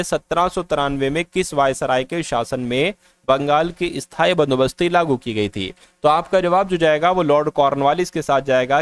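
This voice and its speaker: A man's voice: on the high side, clear, resonant tone, dry recording. A man teaching exam-prep questions in a quiz-style lesson, walking through each answer step by step and often addressing his students.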